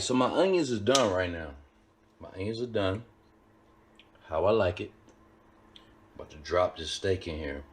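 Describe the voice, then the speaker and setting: A low-pitched man casually shows how he cooks a steak in his home kitchen, speaking emphatically and repeating his points. He's a home cook vlogger, and a pan sizzles on the stove under slight background noise.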